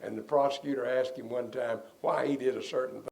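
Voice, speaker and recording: Older male lawyer, gravelly voice, folksy anecdotal interview delivery. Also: mid-range voice, a little fast. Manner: rambling, relaxed storyteller who chuckles at his own stories. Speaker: defense lawyer being interviewed.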